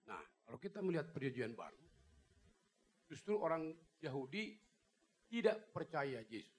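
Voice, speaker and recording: Congregation member, male, husky, slightly high, polite questioner. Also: very animated, darkish tone. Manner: polite, measured. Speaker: audience member asking a question. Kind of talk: question at a church Q&A.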